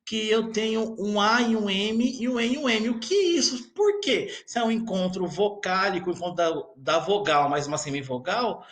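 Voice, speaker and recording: A teacher voicing a puzzled student who raises hesitant questions in a higher voice. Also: male voice, moderate pace, few pauses, a bit bright.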